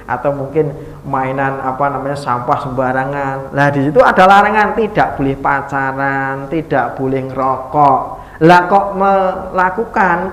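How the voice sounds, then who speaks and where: A man preaching with a Javanese accent in an informal study talk, lively and joking, swinging between loud emphasis and soft asides. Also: a little high. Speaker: Islamic preacher. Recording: echoey hall with faint noise.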